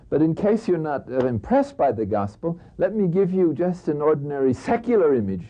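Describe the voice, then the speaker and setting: Priest man teaching, lively pitch, mellow husky voice, kinda dull lo-fi recording. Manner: reflective, conversational, with soft laughs. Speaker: priest giving a spiritual talk. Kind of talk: spiritual teaching talk with stories.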